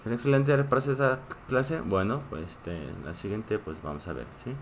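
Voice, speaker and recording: A man's voice: medium pitch, animated, normal speed, slight background noise. A man who is a native Korean speaker, teaching a live online class in a patient way and often checking in with his students. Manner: reads chat and greets viewers.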